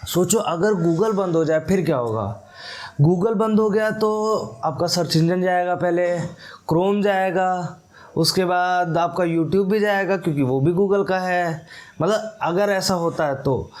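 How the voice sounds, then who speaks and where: A man talks through a casual tech explainer in a slightly raised voice. He is chatty and conversational, often pausing with fillers and correcting himself mid-sentence. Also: sits high, a little mellow. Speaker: tech YouTuber host. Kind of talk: casual explainer talk to camera.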